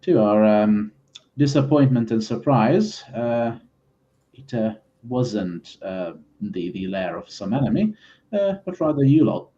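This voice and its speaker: A man improvising as a player in a tabletop game, speaking politely and haltingly. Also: on the low side, lively intonation, warm tone, dull audio, a little hiss or hum. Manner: hesitant, halting, polite phrasing. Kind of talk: improvised in-character game talk.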